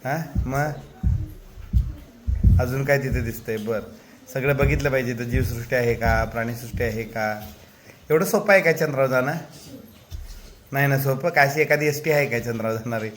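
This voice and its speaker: A man with a Marathi accent, a teacher gently teasing and coaxing a young pupil with questions in a classroom interview. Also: mid-range voice, moderate pace, long pauses, faint music behind.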